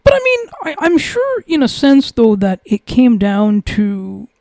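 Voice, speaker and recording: A woman's voice: a little high, huge pitch swings, measured pace, a little mellow, dry recording, clean studio sound. A woman co-hosting a book panel in a casual group chat, playful, laughing often and repeating herself.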